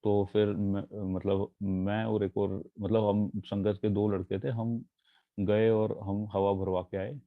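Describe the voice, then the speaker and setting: Young man's earnest, halting testimony, tinny sound. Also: lowish voice, level tone, dry recording. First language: not Punjabi. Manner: earnest, halting storytelling with fillers and English phrases. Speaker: devotee sharing testimony. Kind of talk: personal testimony.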